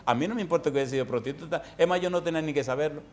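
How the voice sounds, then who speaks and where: A man preaching to a congregation in a voice pitched a little above most men's. He hammers the same question again and again until the people answer. When he reads scripture he slows right down and leans on each phrase. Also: a little hiss or hum. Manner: emphatic, repeats rhetorical questions to the congregation. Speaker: pastor. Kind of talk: sermon. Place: church service with a congregation answering.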